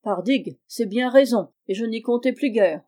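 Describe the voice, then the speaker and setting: Woman reading a scared merchant prisoner, anxious, pleading, mellow tone, storybook reading. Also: on the high side, moderate pace, natural voice. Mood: fretful. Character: frightened male prisoner, a simple cloth merchant.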